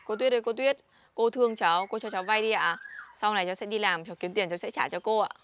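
A woman playing a whiny, bright-voiced little sister. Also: medium pitch, fast talker, close to an everyday voice. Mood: pleading. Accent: Northern Vietnamese. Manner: whiny, wheedling, pleading. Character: young woman Thảo, scatterbrained whiny younger sister. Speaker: actress in comedy sketch. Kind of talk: village comedy sketch acting.

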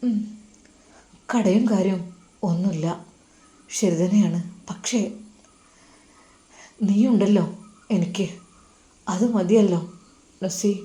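A loving young husband, as a woman storyteller voices him, soft and coaxing. His words come low and quiet, full of remorse, with none of the wife's high pitch. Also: slow pace, long pauses, lightly acted. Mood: remorseful.

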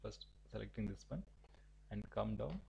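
A man teaching a software tutorial, giving halting step-by-step instructions with frequent restarts. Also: lowish voice, lively intonation, gravelly, slightly rough, dull audio. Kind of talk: screen-recorded software tutorial.

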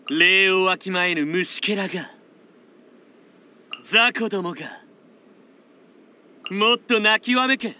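A man's voice: high voice, sharp tone, full character voice. A man voicing a haughty, sneering young male wanderer with wind powers in an anime video game. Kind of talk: anime game battle voice lines.

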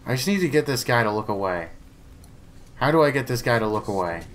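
A man's voice: mid-range voice, animated, fairly quick. Chatty man narrating his gameplay. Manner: chatty, talks to himself and to game enemies; playful, jokey asides. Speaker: let's play gamer. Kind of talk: casual gameplay commentary.

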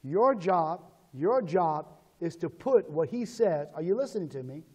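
A male pastor preaching a sermon in call-and-response style, swinging between shouted calls and low asides. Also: expressive, a little slow, breathy edge, in a large hall.

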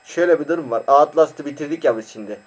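A man's voice: fairly high pitch, crowd noise. A young man talking and improvising a crude, playful song. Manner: slow, crude, playful singing. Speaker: gaming video host. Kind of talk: joking talk and improvised song over guitar.

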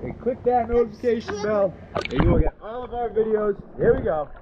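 A man hosting a family vlog with playful challenge commentary, energetic and announcer-style, recorded at a swimming pool on an action camera. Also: high-pitched, brisk. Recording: dull lo-fi camera sound with water noise.

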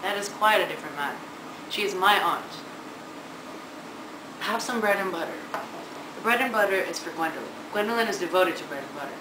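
Echoey, flippant young gentleman acted by a young man. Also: sits high, lively intonation, fairly quick, pauses often. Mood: lofty scolding. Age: teenager to young adult. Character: idle, flippant young gentleman, smug and witty. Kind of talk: amateur stage-play acting for a student project. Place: large living room, indoors. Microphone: camera a few metres away. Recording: echoey, noisy room from camera distance.

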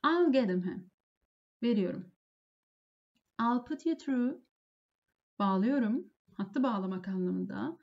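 A woman English teacher giving a lesson, saying each phrase slowly and then translating it. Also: fairly high pitch, animated, vocal fry, lo-fi sound. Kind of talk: lesson explaining phone phrases.

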